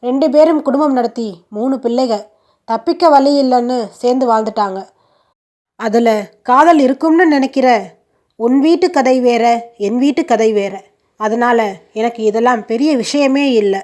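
A woman's voice: a little high, unhurried, a little mellow, natural voice. A woman voicing a young man in love, who talks in a persuasive, lightly teasing way. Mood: earnest.

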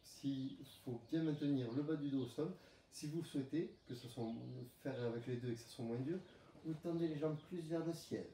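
A man leading a home pilates class, calmly calling out breathing cues and movements. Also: on the high side, normal speed, a little hiss or hum. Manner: calm coaching cues, breath counting. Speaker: pilates instructor. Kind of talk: guided workout instruction. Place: room at home. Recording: roomy, distant camera mic.

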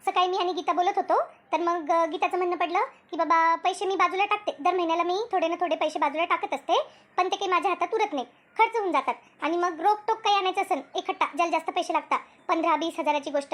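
A woman's voice: very high voice, fairly bright tone. Shantabai, a woman-voiced bossy cartoon villager. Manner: explains at length, bossy. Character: bossy chatty village woman, group leader. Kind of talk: cartoon voice acting.

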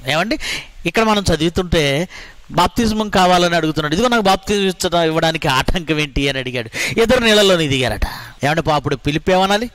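A man with a Telugu accent delivers a sermon in a high-pitched voice. He keeps hammering phrases through repetition and asks the listeners rhetorical questions. The recording is close and dry. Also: expressive, quick pace, a bit bright, no echo. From India. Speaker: preacher.

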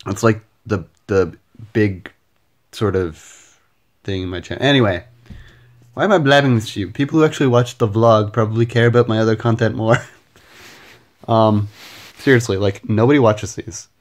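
A man's voice: on the low side, normal speed, long pauses. A man talking casually to his camera late at night in a rambling way, full of fillers and self-deprecating asides. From Canada. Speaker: vlogger. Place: home at night. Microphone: camera mic.

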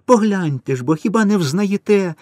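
A man's voice: high-pitched, lively intonation, normal speed, a little mellow, dry recording, studio quality, pitched above the performer's own voice. A man voicing a desperate pleading peasant mother. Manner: pleading, tearful.

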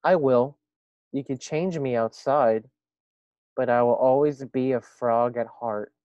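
A man's voice: mid-range voice, steady tone, takes it slowly, no room sound, muffled recording, lightly acted. A man reading a picture book aloud, voicing a fussy, bossy little male frog who refuses to become a prince.

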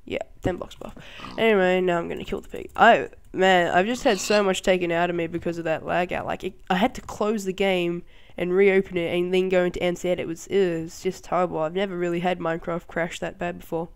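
A channel host giving casual commentary in a game tutorial, excitable and quick to laugh and exclaim, rambling along with fillers. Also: medium pitch, creaky, smooth.

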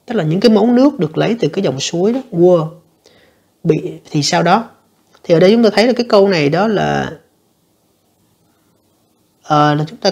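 A woman teacher, going through an English exam answer by answer and reading the English lines slowly. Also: on the low side, darkish tone, husky. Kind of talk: exam review lesson.

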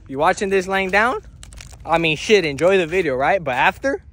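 A man's voice: high voice, expressive, normal speed. A nineteen-year-old man in a casual selfie vlog, outdoors by the water and on a jet ski, talking in a hyped, slangy, motivational way into a phone held at arm's length. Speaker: vlogger. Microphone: phone camera at arm's length. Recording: loud wind and engine noise.

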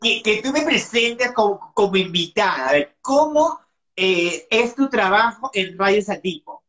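A woman's voice: medium pitch, expressive, a little slow, fairly bright tone. A woman hosting a casual live-stream interview over a video call, giggly and teasing, with dramatic exclamations. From Peru. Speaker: host.

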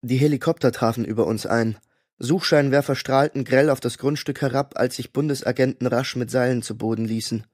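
A man reading a fantasy audiobook in a steady, measured storytelling way. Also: medium pitch, dry recording, clean studio sound. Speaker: audiobook narrator. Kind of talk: scripted narration.

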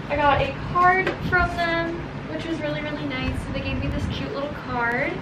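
A young adult American woman chatting casually and informally to her vlog viewers, recorded indoors at home. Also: high-pitched. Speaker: vlogger. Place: small bedroom and home kitchen, indoors. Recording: steady fan noise behind home recording. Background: whirring room fan.

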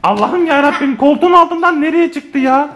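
A young man and father filming a family vlog at home, excitedly narrating to his viewers. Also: extremely high pitch, normal speed, background noise. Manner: excitable, exclaiming, addresses viewers. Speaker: vlogger father. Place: home living room.

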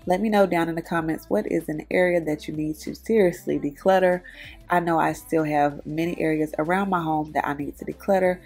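A woman's voice: low-pitched, fairly even intonation, fairly quick, a little mellow, soft background music. A woman, chatting to viewers in a voice-over as she cleans her home. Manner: chatty, addresses viewers as y'all. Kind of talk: casual voice-over narration.

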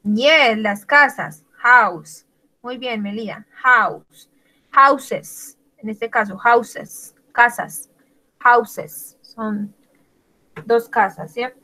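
Woman teacher, higher voice, unhurried bilingual lesson delivery, spells words out. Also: sharp tone, low-quality recording. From Latin America. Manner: slow, deliberate, spells words letter by letter. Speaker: English teacher. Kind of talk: bilingual online English lesson.

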